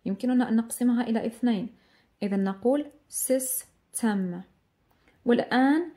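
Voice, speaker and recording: Woman, English teacher, fairly high and warm, patient, repeats words slowly. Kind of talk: exam review lesson.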